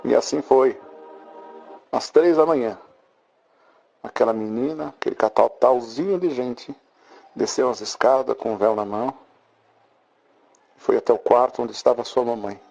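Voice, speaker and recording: A man's voice: mid-range voice, normal speed, vocal fry, long pauses, dark tone. A man preaching a church testimony, telling the story dramatically. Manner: dramatic storytelling, acting out the child's voice. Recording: muffled lo-fi church recording.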